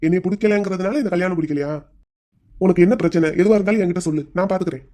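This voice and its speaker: A voice actor playing a patient young groom who gently coaxes his bride to open up in a cartoon. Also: mid-range voice, rapid-fire, natural voice. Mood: coaxing. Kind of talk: Tamil cartoon voice acting.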